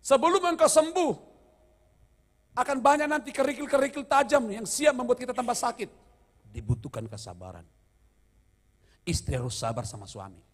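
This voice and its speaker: Animated preaching man in reverberant church. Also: extremely high pitch, normal speed, pauses often. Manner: animated preaching with humorous stories and call-and-response. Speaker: pastor. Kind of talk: sermon. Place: church hall.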